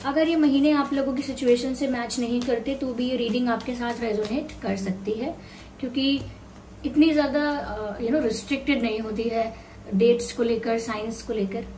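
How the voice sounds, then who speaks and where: High-pitched woman doing tarot for viewers, echoey room, faint hiss. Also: a little mellow. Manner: unhurried, mixing Hindi and English, thinking aloud. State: slightly sore throat. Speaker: tarot reader. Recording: roomy sound, mic at a distance, faint hiss.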